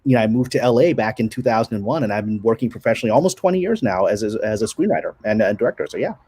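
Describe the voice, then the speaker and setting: A middle-aged man from Pakistan, raised in Brooklyn, telling his story as a guest on a casual video-call interview, animated and laughing often. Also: lowish voice, racing, husky, no echo. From Pakistan, raised in Brooklyn, New York. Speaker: guest, screenwriter and director. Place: home room, indoors. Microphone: video call webcam.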